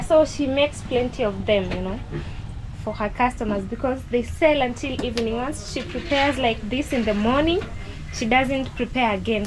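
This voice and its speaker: A Kenyan vlogger films a relative's family shop kitchen outdoors, narrating casually and explaining things with lots of "you know" fillers. Her voice is a little high, and there's background noise.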